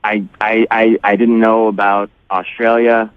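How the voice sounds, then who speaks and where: Male caller, stammers and hesitates, somewhat low voice, dull phone-line sound. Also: flat delivery, unhurried, clear, resonant tone, no room sound. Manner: nervous, stammering, earnest.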